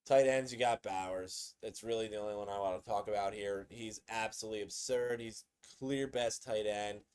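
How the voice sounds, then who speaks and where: A man hosting a casual sports commentary video, excitable and conversational, often repeating himself. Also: on the low side, moderate pace, smooth.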